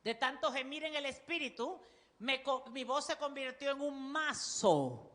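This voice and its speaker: A woman pastor with a Panamanian Spanish accent preaches a sermon in a large hall, loud and forceful, calling on the congregation to repeat after her. Her voice sits high, and she is animated though a little slow.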